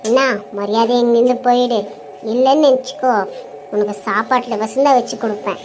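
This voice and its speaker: A woman's voice: fairly high pitch, steady tone, a little fast, a little mellow, a little hiss or hum. A woman voicing a struggling, weary mother in a cartoon story, speaking earnestly and sometimes tearfully.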